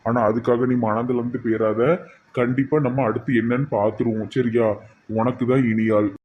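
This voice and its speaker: A man's voice: medium pitch, flat delivery, normal speed, husky, highs cut off, natural voice. A man with a Tirunelveli Tamil accent voicing a hot-headed young cartoon character who blusters and makes dramatic threats. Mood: worried.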